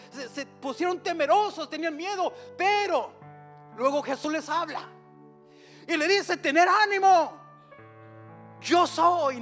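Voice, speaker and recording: A man's voice: very high-pitched, fairly bright tone. A man, a pastor, preaching a sermon in church with impassioned delivery, often acting out prayers aloud.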